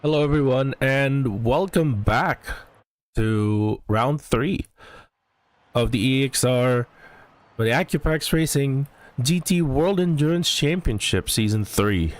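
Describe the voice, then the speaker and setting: Slow-talking male race commentator. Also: medium pitch, lively intonation. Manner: halting, corrects himself often. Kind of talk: live sim racing commentary.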